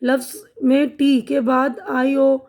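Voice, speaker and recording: A woman's voice: high-pitched, completely flat delivery, darkish tone. A woman teaching English pronunciation in Urdu with a Pakistani accent, reading out words one by one and giving each meaning in a patient classroom manner. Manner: reads word lists slowly, pairing each word with its meaning. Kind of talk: slow classroom-style lesson explaining pronunciation.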